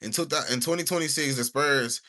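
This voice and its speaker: A man's voice: medium pitch, a little fast, sharp tone. A young man from the United States, talking casually on a livestream. He rambles in slang and sometimes reads stiffly from notes.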